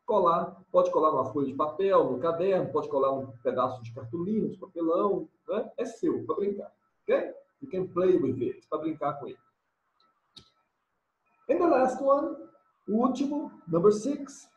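A man's voice: sits high, roomy sound, muffled recording. A man teaching children English, going over homework and drilling words by repeating them and explaining each in another language. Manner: switches between English words and Portuguese explanations, drills repetition. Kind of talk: recorded homework correction lesson.

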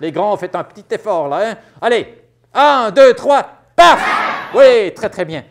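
A woman playing a brave, excitable little girl knight-errant in a theatrical children's storytime, animated and exclamatory. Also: fairly low pitch, fairly quick, close to an everyday voice. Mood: cheerful. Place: live storytime stage.

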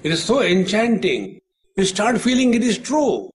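A man's voice: high voice, wildly swooping pitch, moderate pace, a little hiss or hum. A man, a spiritual teacher, giving a retreat discourse with humorous storytelling and acted dialogue to a live audience.

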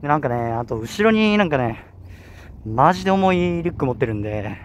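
Walking a hilly campus outdoors, a young adult vlogger with a Kanto Japanese accent speaks briskly in a fairly high, sing-song voice, slightly out of breath. He's chatty and rambling, frequently self-correcting, and his handheld camera recording has a little hiss or hum.

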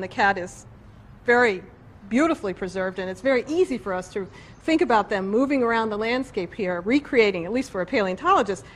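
A middle-aged woman explaining things as an expert interviewee in a nature documentary. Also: mid-range voice. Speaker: paleontologist interviewee.

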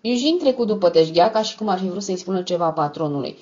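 A woman narrating a novel as an audiobook in a steady, measured read. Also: lowish voice, dull audio. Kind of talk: scripted narration.

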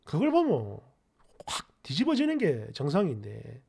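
A man hosting a story channel, reading online posts and comments aloud with animated, mocking commentary. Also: fairly high pitch, moderate pace, vocal fry, breathy edge.

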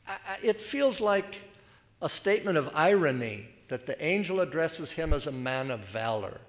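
A man's voice: a little high, very animated, normal speed. An older man preaching in a church, reading scripture and musing aloud in a conversational, wry way with self-deprecating asides.

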